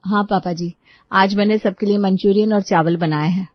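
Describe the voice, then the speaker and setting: A woman voicing a calm, modern young daughter-in-law who speaks politely but firmly in a cartoon story. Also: medium pitch, moderate pace, no echo, lightly acted. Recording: dull lo-fi dry recording.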